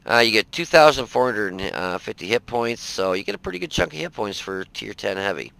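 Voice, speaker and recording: A man's voice: fairly low pitch, lively intonation, brisk, creaky, fairly bright tone, no room sound, rough recording. A man casually commenting on his own tank gameplay, rambling and folksy with many fillers, sounding tired. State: tired, yawning. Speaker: game reviewer.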